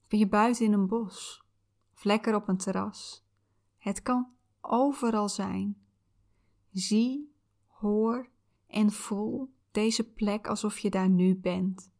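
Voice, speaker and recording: Woman softly guiding a visualisation. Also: mid-range voice, steady tone. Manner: soft, soothing, unhurried guided-meditation delivery. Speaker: podcast host. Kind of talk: guided visualisation, spoken coaching.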